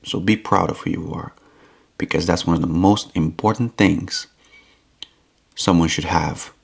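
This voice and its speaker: A man's voice: low-pitched, steady tone, unhurried, creaky, breathy edge. A man from Romania talking earnestly to the camera in a rambling vlog monologue, often repeating himself. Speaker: YouTube vlogger.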